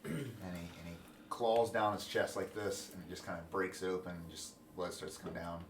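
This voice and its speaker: A man narrating as dungeon master of a tabletop game, excitable and quick to laugh. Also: deep voice, slight background noise. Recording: echoey room, mic far off.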